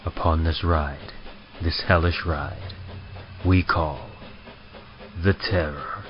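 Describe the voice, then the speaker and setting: A man's voice: extremely low pitch, steady tone, slow pace. A man playing an ominous train conductor and announcer in old-time radio horror style, solemn and theatrical. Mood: foreboding. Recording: muffled sound with music.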